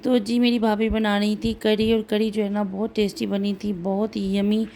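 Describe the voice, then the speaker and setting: A woman vlogger chatting through a casual voice-over, rambling with many fillers, her throat a little hoarse. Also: mid-range voice, flat delivery, moderate pace, dark tone, a little hiss or hum. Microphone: home voice-over recording.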